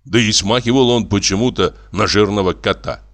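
A man narrating an audiobook in a measured, expressive storytelling manner. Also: fairly low pitch.

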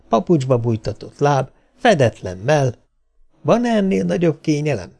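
Man narrating a novel, mellow tone. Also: mid-range voice, gravelly. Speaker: audiobook narrator.

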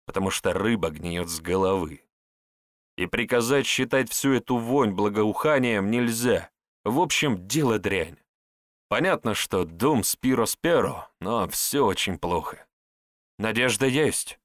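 A blunt, scornful hero, as a male reader puts him on for an audiobook, mocking and plain-spoken in a fairly low voice. The recording is dry and close. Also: lively intonation, measured pace, a bit bright, no echo. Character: sardonic, blunt young male hero with a sharp tongue.

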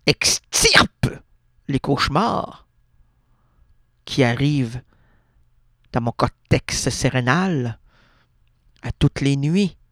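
A man's voice: mid-range voice, no echo, clean studio sound. A man with a Québécois accent hosting a radio show, rambling freely with playful wordplay and constant self-corrections. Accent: Québécois French. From Quebec. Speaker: radio host. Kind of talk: freewheeling absurdist radio monologue. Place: radio studio.

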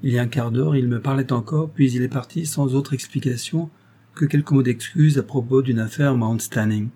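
A man's voice: mid-range voice, fairly even intonation, moderate pace, dark tone, slightly rough. A man reading a classic novel aloud, voicing a sly young wife who answers her husband with hesitant, embarrassed replies. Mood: explaining. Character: young charming lady, evasive and sly. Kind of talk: audiobook character reading.

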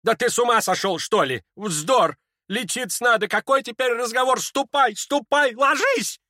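A man's voice: high-pitched, moderate pace, a bit bright, no echo, studio quality, pitched above the performer's own voice. A man reading an audiobook and voicing a hot-tempered older woman who scolds shrilly and indignantly. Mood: frightened scolding.

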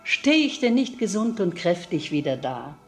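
An actress playing a pious older mother who talks of faith and gently admonishes her children, in a classic radio play. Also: on the low side, sing-song, normal speed. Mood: devout. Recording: radio drama with faint music.

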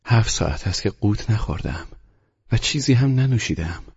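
A man voicing a guarded, wry young woman with a husky, raised voice in a dull, lo-fi audiobook recording. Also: fairly low pitch, animated, darkish tone, voice pushed up, exaggerated voice.

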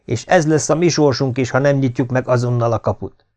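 A man reading an audiobook voices a blunt, defiant sergeant of the legion in a raised, forceful voice. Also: mid-range voice, fairly even intonation, voice pushed up, lightly acted. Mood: grim. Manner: blunt, grim and confrontational.

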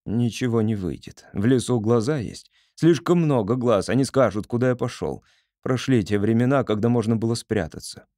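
A man's voice: mid-range voice, normal speed, warm tone, no echo, clean studio sound, lightly acted. A man voicing an earnest young male inventor in an audiobook, explaining things patiently. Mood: firm. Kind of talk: audiobook character voice.

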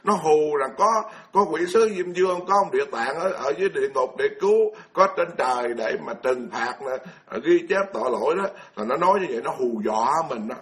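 Blunt, scolding Buddhist monk, high voice. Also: male voice, expressive, brisk, few pauses, a bit bright. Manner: blunt, scolding, full of rhetorical questions. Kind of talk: colloquial Buddhist sermon.

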